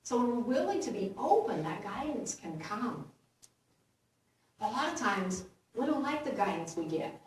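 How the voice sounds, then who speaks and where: A woman minister giving a gentle, unhurried sermon, laughing lightly at her own jokes. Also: fairly high pitch, very animated, slight background noise. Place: church sanctuary. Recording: roomy echo from far off.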